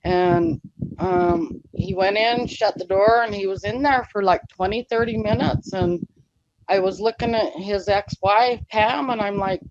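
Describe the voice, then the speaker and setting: A woman's voice: mid-range voice, measured pace, creaky, a little mellow, muffled recording, a little hiss or hum. A woman who is an interview guest, telling a personal story in an earnest, rambling way with many fillers. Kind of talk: conversational storytelling.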